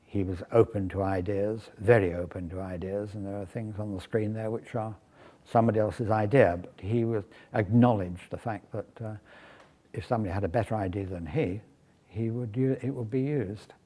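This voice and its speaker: A man with a low, husky and dark voice reflects in an interview. He speaks in a measured way and pauses to find his words. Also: fairly even intonation. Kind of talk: interview recollection.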